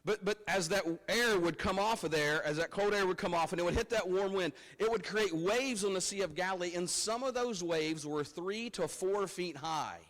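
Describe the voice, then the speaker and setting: Man, pastor, pulpit microphone, somewhat high voice, conversational sermon with repeated words, long church reverb. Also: moderate pace, few pauses, fairly bright tone. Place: church sanctuary.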